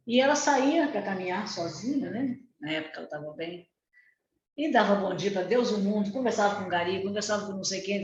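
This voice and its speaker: A woman in a study group calmly sharing a family story and reflecting on it over a video call. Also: medium pitch. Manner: reflective, anecdotal. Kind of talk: casual group discussion. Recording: roomy dull call audio with faint noise.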